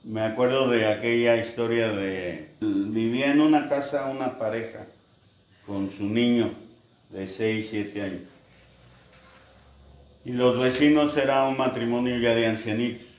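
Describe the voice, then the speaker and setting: In an echoey church hall, a pastor with a mid-range voice preaches a sermon at an unhurried pace. He tells stories and acts out the quoted voices.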